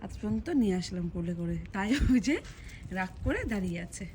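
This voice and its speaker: A woman's voice: mid-range voice, fast talker, warm tone. Coaxing mother on a noisy street. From India. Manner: coaxing and cajoling, repeats herself. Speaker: vlogger and mother. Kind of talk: casual phone vlog. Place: outdoors on a street. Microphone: handheld phone. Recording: noisy outdoor street phone recording.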